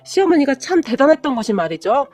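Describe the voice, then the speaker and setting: A woman narrating a first-person drama story in a dramatic, expressive storytelling manner. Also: high-pitched, fast, dry recording.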